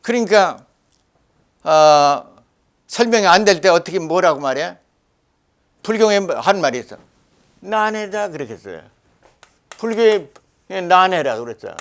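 An older man lecturing forcefully in a Jeolla dialect, scolding and rambling. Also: sits high, lively intonation, a little slow, pauses often. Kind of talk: animated lecture.

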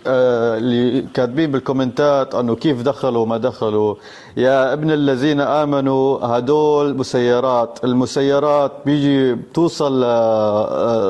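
A man's voice: medium pitch, steady tone, brisk, darkish tone. A man, lecturing viewers in a scornful way.

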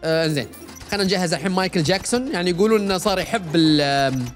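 Fast-talking gamer man. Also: high voice, animated. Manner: fast, chatty, jokes with the game's customers. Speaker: gaming YouTuber. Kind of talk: casual let's-play commentary. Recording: faint game music behind.

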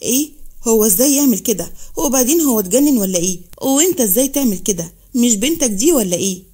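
A woman's voice: fairly high pitch, animated, fast talker, mellow, breathy edge. A woman with an Egyptian accent voicing a scheming middle-aged mother who speaks in a bossy, conspiratorial way. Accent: Egyptian Arabic.

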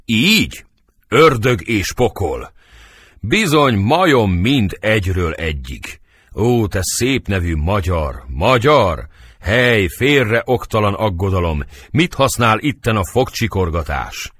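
A hot-tempered male nobleman, read aloud by a man, spits out bitter, fiery outbursts in a low, husky voice. His pitch leaps and drops with every curse, and the recording is close and dry, like an audiobook studio. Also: sing-song, a bit bright, dry recording, heavily acted. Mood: raging. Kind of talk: audiobook drama reading.

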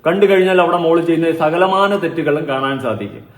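Sarcastic young male commentator, quick high-ish delivery, reverberant room sound. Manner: mocking, sarcastic, lecturing. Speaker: vlogger and show commentator. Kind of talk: reaction vlog commentary. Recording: echoey room.

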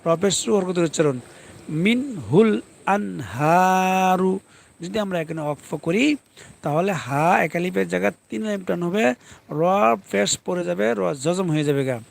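A man teaching a live Quran reading lesson, spelling letters and vowel marks and then chanting each word in long drawn-out recitation. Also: high-pitched, gravelly.

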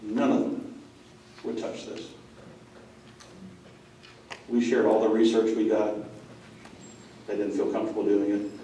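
A middle-aged man speaks to a conference audience in a plainspoken, storytelling way, his voice low and dark. He is picked up from across the room, so it sounds distant and very echoey, with a faint hiss behind him. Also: flat delivery, measured pace, long pauses. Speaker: school president. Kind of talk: conference talk. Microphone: far room mic.

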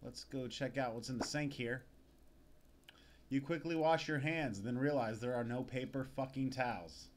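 A video game let's player reads game text aloud during a casual playthrough, sardonic and foul-mouthed throughout. His voice is medium-pitched at a normal speed, with video game music behind it.

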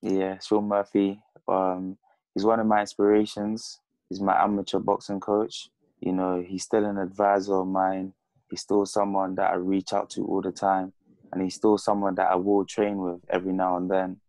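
His delivery is completely flat and moderately paced, with a low, slightly mellow voice and no room sound at all. He is a French-speaking boxer in his twenties from Congo, Zambia and the UK, chatting casually as an interview guest. He joins the video call on earphones from a plain room indoors at home.

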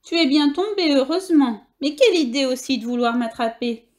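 A woman voicing a big, good-natured male bison who teases in his deep voice. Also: animated, fairly quick, darkish tone. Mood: amused.

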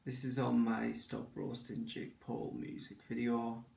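In a small, echoey room at home, a young vlogger reads comments aloud sarcastically and answers with dry comebacks, recorded by a camera mic set a little away. His medium-pitched voice is creaky and a little mellow, delivered completely flat at a measured pace, with slight background noise.

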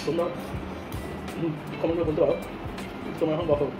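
Food vlogger guy, mouth full of noodles, rapid-fire talk, echoey room. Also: a little high, fairly even intonation, recorded from a distance. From Bengal. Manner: chatty, mumbling between bites with hums. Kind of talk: casual eating-show chat. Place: home, indoors. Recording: echoey room with loud music behind.

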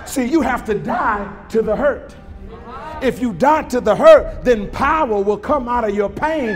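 High-voiced preacher man, shouting and hushing. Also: lively intonation, a little slow. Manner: call-and-response preaching, swings between shouts and hushed lines. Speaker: pastor. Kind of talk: sermon. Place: church sanctuary.

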